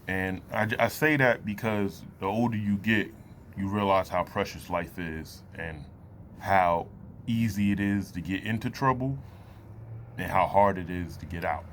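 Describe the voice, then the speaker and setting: A man in his late thirties giving a reflective personal talk to camera, loose and halting, with many fillers and pauses. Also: low voice, a bit bright, slight background noise. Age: 30s. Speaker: vlogger.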